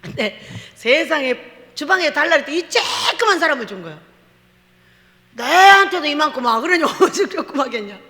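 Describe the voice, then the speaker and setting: A woman pastor preaching a lively sermon, telling stories with laughter and acting out quotes in a church. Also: high-pitched, fairly quick. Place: church sanctuary. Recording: long hall reverb.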